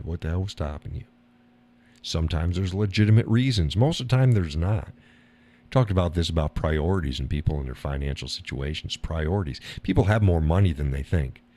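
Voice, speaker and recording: A man runs a casual live stream in a mellow voice, rambling bluntly, swearing and laughing a lot, and imitating other people by raising his voice.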